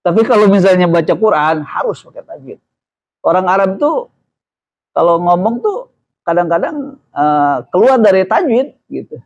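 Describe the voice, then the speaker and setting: Man, Indonesian accent, casual sermon, slightly high voice, dry close sound, asks the listeners questions. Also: sing-song, normal speed, pauses often, no room sound, highs cut off. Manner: chatty, jokes and asks the audience questions. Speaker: ustadz giving a religious study talk. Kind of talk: casual mosque study sermon.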